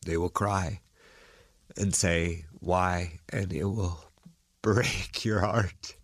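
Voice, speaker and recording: Low-voiced man telling a personal story. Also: fairly even intonation, drawn-out words, husky, no echo. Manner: candid, conversational, wry with frequent filler "like". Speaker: podcast host telling his mother's story.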